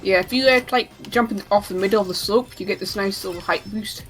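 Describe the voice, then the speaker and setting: Speedrunner, female, mid-pitched, chatty and jokey live commentary over faint game music. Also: fast talker, low-quality recording. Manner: chatty, joking asides.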